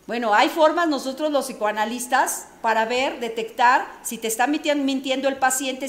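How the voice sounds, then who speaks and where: A Mexican woman, a psychologist, giving a preachy radio talk full of rhetorical questions. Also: sits high. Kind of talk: radio talk on addiction recovery. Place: radio studio.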